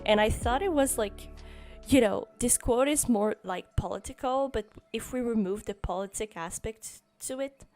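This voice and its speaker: Narrating her journal drawing for YouTube, a young woman whose first language is French speaks with a French Canadian accent at a moderate pace, her voice on the high side. She's relaxed and rambling, full of ums, with music playing in the background.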